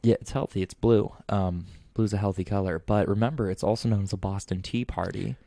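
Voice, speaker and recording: A young man co-hosting a casual podcast, rambling and animated, with lots of fillers. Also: fairly low pitch, fairly quick, vocal fry, no room sound, studio quality. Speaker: podcast co-host. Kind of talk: casual chat.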